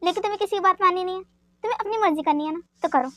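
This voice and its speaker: Her voice very high and fairly bright, a woman dubs a caring, anxious young woman with a quick temper for a fan drama, pleading with raw emotion. The mood here is upset, captured in a dry recording.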